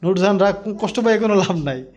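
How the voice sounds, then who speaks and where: Fast-talking father vlogging at home. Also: high voice, expressive, a little mellow. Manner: patient, coaxing, explains at length. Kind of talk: casual family vlog chat. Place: at home indoors. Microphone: phone held in front of mouth.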